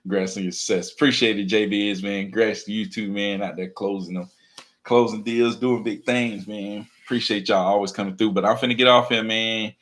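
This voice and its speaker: A man's voice: lowish voice, steady tone, a little fast, fairly bright tone. A man talking casually and earnestly to camera, encouraging viewers and filling his speech with "man" and "you know what I'm saying". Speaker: teacher and real estate wholesaler vlogger. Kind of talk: casual motivational talk to camera.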